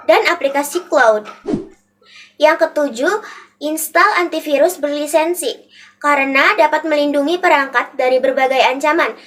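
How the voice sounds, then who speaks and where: High-pitched teenage girl presenting. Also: a bit bright, a little hiss or hum. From Indonesia. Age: teens. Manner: reads from a script with listed points. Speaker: vocational high school student. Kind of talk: school video presentation.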